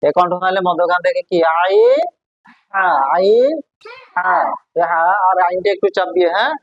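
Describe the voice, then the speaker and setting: A Quran teacher from Bangladesh patiently drills a class on letter sounds in a call-and-response format, asking them questions. His voice is mid-range at a moderate pace. The recording is muffled, with no room sound.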